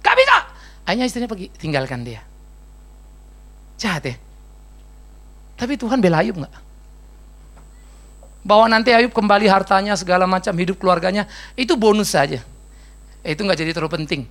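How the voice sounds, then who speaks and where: A man's voice: high voice, animated, fast, long pauses, fairly bright tone. A man pastor giving a casual, joking sermon and answering questions, slangy and sprinkled with English words. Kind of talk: conversational sermon with Q&A.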